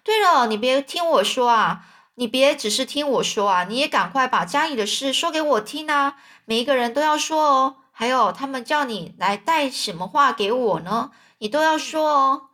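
Lady putting on a loud fussy aunt, high voice, over the top, storybook. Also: animated, moderate pace. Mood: excited. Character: excitable fussing middle-aged aunt.

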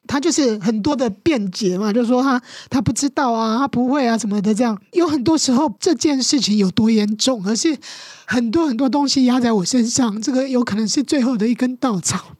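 A woman's voice: on the high side, a little mellow, no echo, clean studio sound. A middle-aged woman with a Taiwanese Mandarin accent, a guest telling a painful story with passion and strong emotion. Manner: impassioned, emotional, quick to act out scenes. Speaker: guest, teacher and mother. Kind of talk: podcast interview storytelling.

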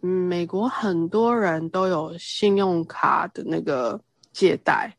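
A woman in her thirties from Taiwan, a podcast guest, talking casually and explaining at length with quick asides. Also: fairly low pitch, no echo. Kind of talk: casual interview chat.

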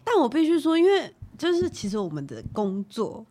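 A woman's voice: high voice, sing-song, fairly quick, mellow. A woman with a Taiwanese Mandarin accent, chatting casually as a podcast co-host. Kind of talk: casual chat.

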